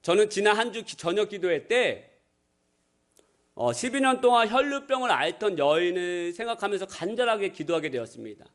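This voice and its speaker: A man's voice: high-pitched, lively intonation, a little fast, a bit bright. A male pastor giving a Sunday sermon, joking with the congregation and acting out the voices in his stories. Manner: playful, acts out voices in anecdotes. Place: church sanctuary.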